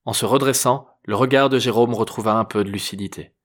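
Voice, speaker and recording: A man narrating a novel chapter in a measured, even reading voice. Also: medium pitch. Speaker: audiobook narrator. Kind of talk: scripted narration.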